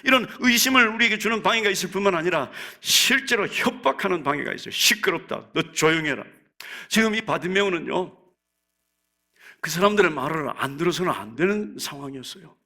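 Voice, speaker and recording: A middle-aged male pastor preaching a sermon in a church, dramatically acting out the voices of doubters and pleaders and swinging from hushed tones to loud cries. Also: sits high, expressive, brisk. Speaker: senior pastor. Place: church sanctuary.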